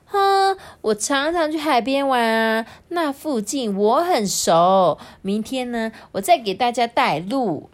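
A woman's voice: on the high side, animated, slow pace, hardly any pauses. A woman voicing a proud, show-off young female archaeopteryx in a children's storybook, huffing before she speaks. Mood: haughty. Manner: haughty, huffs before speaking.

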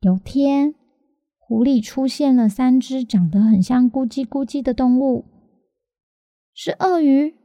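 Mellow, higher-pitched woman reading to a toddler. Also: a little slow, no echo. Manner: reading to a toddler, simple phrases with questions to the little listeners. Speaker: children's story podcast host. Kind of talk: storytelling for young children. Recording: music behind the voice.

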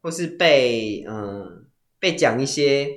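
A woman's voice: extremely low pitch, lively intonation, slow pace, reverberant. A woman with a Taiwanese Mandarin accent, co-hosting a casual podcast chat in a blunt, teasing way. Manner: blunt, teasing, acts out angry quotes. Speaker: podcast co-host.

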